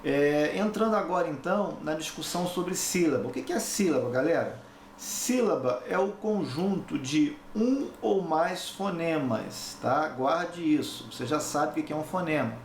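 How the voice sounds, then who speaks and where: A man's voice: fairly high pitch, expressive, moderate pace. A man teaching a recorded lesson, explaining step by step and checking in with tag questions as he repeats the key points. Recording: echoey room, faint background noise.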